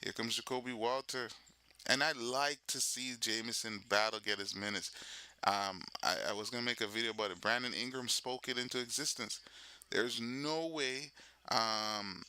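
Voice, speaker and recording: A man's voice: medium pitch, normal speed, bright, forceful tone, smooth, no room sound. A man hosting a live watch party, chatting casually with viewers and reacting to the game, loose and full of fillers. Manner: loose with many fillers and restarts. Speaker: livestream host.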